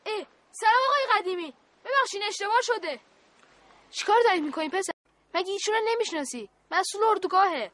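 Actress playing a calm kid commander in a radio play; very high voice, dry and close. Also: female voice, no room sound. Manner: polite, calm, in charge. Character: young boy leader of a war game.

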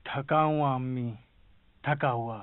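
Dubbed TV drama: weary, hot-tempered grown son, raised voice, thin phone-like sound. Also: male voice, high-pitched, measured pace, no room sound. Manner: tired, then explosive.

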